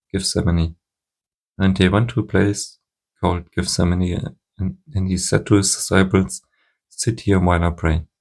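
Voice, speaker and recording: A man reading scripture aloud at a steady pace, now and then stumbling and restarting a word. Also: low voice, creaky, husky. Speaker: Bible reader.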